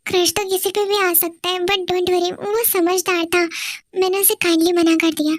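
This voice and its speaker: A woman's voice: extremely high pitch, steady tone, normal speed, no echo, clean studio sound. A woman voicing a defensive young woman who answers her jealous boyfriend in an exasperated way.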